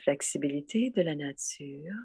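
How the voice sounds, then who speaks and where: A woman giving a reflective spiritual talk, often repeating and rephrasing her phrases and dropping into a soft, quiet delivery. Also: low-pitched, animated, normal speed, slightly rough. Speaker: spiritual speaker.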